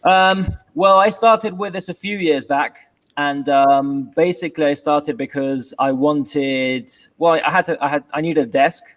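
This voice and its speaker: A man's voice: fairly high pitch, unhurried. Guy with a london accent on a video call, chill and kinda dry funny, lots of ums, spanish-born. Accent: British, London. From England. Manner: relaxed, hesitant with many ums, wry humor. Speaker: guest, furniture maker. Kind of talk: casual video-call interview.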